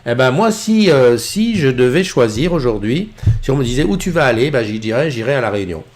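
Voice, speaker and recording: A man's voice: medium pitch, big pitch swings, brisk, a little mellow, slight background noise. A middle-aged man hosting a casual morning live stream, chatting easygoingly and greeting viewers by name. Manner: chatty and easygoing, greets viewers and reads their messages aloud. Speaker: livestream host.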